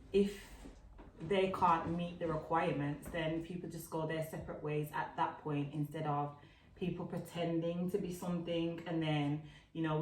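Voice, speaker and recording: A woman's voice: deep voice, a little mellow. A woman guest in a casual chat, easygoing and giggly, recorded outdoors. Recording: roomy sound from a distant mic, faint noise.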